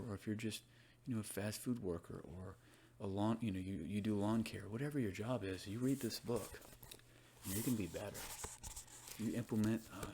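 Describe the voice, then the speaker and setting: A man doing a soft-spoken, ASMR role-play as a librarian, chatting about books in a rambling, informal ASMR style. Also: fairly low pitch, background noise. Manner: rambling, informal, conversational book commentary. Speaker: ASMR performer playing a librarian.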